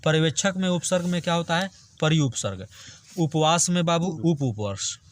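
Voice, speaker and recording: A man's voice: on the high side, normal speed. A male teacher gives an online grammar lesson, reading word lists aloud and joking with his students. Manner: chatty, jokes with students, drills word lists.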